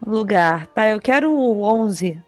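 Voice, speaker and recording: A woman's voice: medium pitch, expressive, darkish tone, no echo, faint music behind. A woman playing a quiz game on a podcast, talking casually with light swearing. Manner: quick, casual, swears lightly, laughs often. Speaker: quiz contestant.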